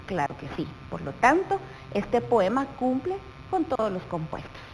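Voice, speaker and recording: A woman teacher with a Guatemalan Spanish accent, explaining a lesson to young pupils slowly and patiently, often asking them questions. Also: a little high, sing-song, soft background music, low-quality recording. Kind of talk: televised primary school lesson.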